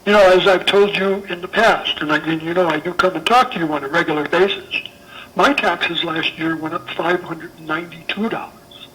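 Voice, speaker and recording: A man's voice: fairly high pitch, fairly bright tone, slight background noise. A man calling in by phone to a town budget hearing to give public comment, speaking emphatically and repeating his points. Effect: call-in voice heard over the phone line.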